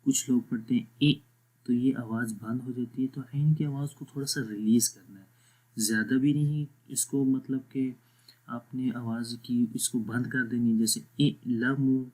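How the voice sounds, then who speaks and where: A man teaching Quran recitation, patient and steady, who stretches sounds out slowly to demonstrate them and often checks in with his students. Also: mid-range voice, poor audio. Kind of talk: spoken lesson with recitation drills.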